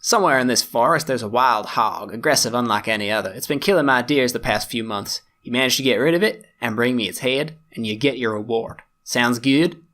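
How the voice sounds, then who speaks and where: A man's voice: medium pitch, brisk, few pauses, bright, forceful tone, natural voice. A man voicing a folksy male forest ranger in a hammy put-on Southern US drawl, reading game dialogue aloud.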